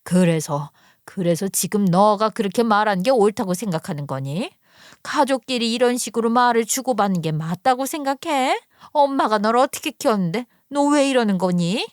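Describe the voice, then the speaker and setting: A woman's voice: medium pitch, expressive, normal speed, no echo, close to an everyday voice. Woman putting on a scolding older mother, exasperated, sighing, defensive, dry close read.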